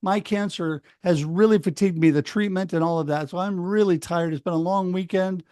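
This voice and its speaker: A middle-aged man from Oregon, telling a personal story in a casual, animated way on a video call and acting out what other people said. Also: high-pitched, a little fast, smooth, dry recording, clean studio sound. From Oregon, United States. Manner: animated, acts out other people's words, laughs often. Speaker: speaker sharing his story.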